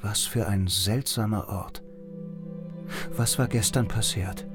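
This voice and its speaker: An actor playing a world-weary hard-boiled private detective, narrating in the first person with dry, sardonic humor. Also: male voice, on the low side, fairly even intonation, slow pace, music in the background. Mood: wry. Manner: dry, sardonic inner monologue. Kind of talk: first-person noir audio drama narration.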